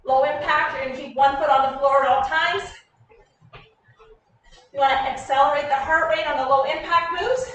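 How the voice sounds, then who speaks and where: A woman fitness coach with a high voice leads exercises in short, directive cues. She is energetic and encouraging as she counts through moves. The recording is very reverberant and distant, with faint noise. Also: moderate pace, long pauses. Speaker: fitness coach leading a warm-up. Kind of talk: group workout instruction, clipped cues and countdowns. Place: echoey indoor room, heard from a distance. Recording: very echoey room, distant mic, faint noise.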